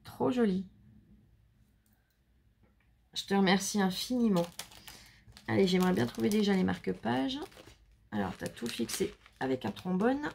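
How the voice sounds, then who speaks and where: A woman's voice: medium pitch, lively intonation, measured pace, vocal fry, pauses often, darkish tone, slightly rough. A woman hosting her crafting channel, chatting casually and effusively while showing handmade cards and teasing someone off camera. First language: French. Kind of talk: casual unboxing chat.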